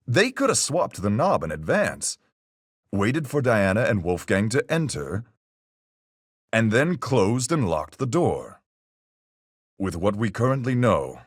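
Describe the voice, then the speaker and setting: In a detective game, a calm, salty sailor-sleuth reasons methodically through a murder using folksy nautical speech. His deep, husky voice rises and falls freely in an exaggerated performance, recorded dry and close.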